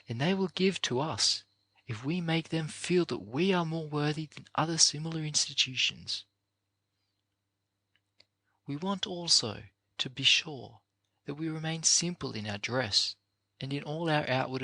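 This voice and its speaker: A man narrates an audiobook of a motivational address, reading deliberately and earnestly in an oratorical style with measured phrases. His voice is fairly high, pushed and bright, with no echo.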